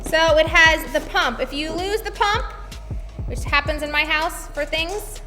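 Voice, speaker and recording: A woman's voice: extremely high pitch, a little slow. A woman hosting a children's church segment, casually presenting prizes to viewers in a reverberant space. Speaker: children's church host, toy reviewer. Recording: long hall reverb, faint music.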